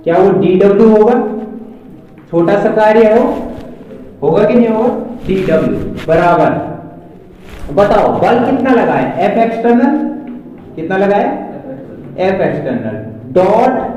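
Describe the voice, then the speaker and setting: A male physics teacher lectures a class in a high, mellow voice, stopping again and again to ask his students if they follow. He is picked up from a distance in a very echoey classroom with a long reverb. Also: dull audio, a little hiss or hum. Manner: keeps asking the class questions to check understanding.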